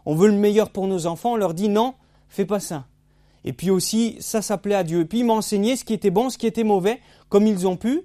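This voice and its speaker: Male preacher, high mellow voice, vivid storyteller who acts out every quote. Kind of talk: testimony sermon.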